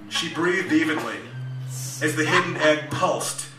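Man, author, live reading, dry asides, a bit high, distant mic in a small club. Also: lively intonation, a little slow, reverberant, music in the background. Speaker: author reading his novel. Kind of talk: live comic fiction reading.

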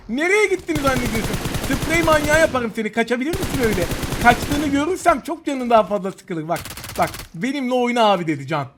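Excitable, fast-talking man commenting on gameplay. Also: high voice, background noise. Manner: excitable, taunting opponents, talking to viewers. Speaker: gaming YouTuber. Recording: game gunfire loud behind voice.

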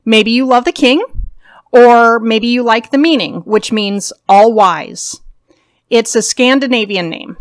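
A woman hosting a video, reading through a list of names and their meanings in a slow, measured way. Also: fairly high pitch. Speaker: video host.

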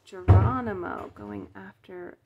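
A woman patiently helping a child with reading, gently prompting and explaining words in casual talk. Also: medium pitch, slow pace, muffled recording, very noisy. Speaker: parent helping a child read. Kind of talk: casual reading coaching at home.

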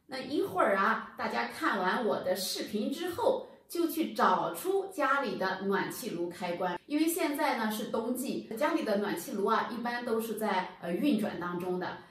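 An HVAC channel host in her thirties speaks at normal speed in a mid-range voice with lively intonation, patiently explaining home heating directly to viewers. The plain indoor room with a bare wall is very echoey, and her voice sounds far off.

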